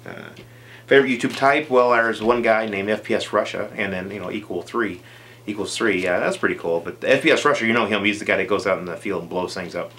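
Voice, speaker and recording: A man's voice: lowish voice, brisk, fairly bright tone. A man vlogging answers to viewer questions in a casual chat, rambling with many fillers and dry jokes.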